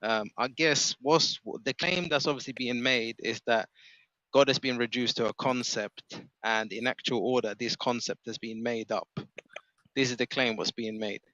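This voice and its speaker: A man in a casual chat, asking questions in a measured way. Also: medium pitch, steady tone, sharp tone, no echo, lo-fi sound.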